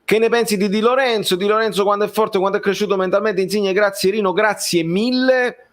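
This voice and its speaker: Casting: male football streamer, higher-pitched voice, conversational and halting, repeats himself while replying to a live chat. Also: steady tone. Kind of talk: casual live-stream chat, reading and answering viewer comments.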